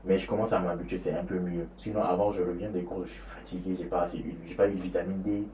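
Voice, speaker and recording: A man's voice: low-pitched, little pitch movement, fast, warm tone, a little hiss or hum. A young man from Niger talking casually in a vlog, rambling and repeating himself with many fillers. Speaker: student vlogger. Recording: roomy echo, faint ambience.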